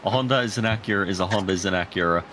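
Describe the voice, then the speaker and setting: A man's voice: low voice, very fast. A man chatting casually on a racing stream, an eager car fan who talks with hesitant fillers. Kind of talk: casual chat. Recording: loud noise over the voice.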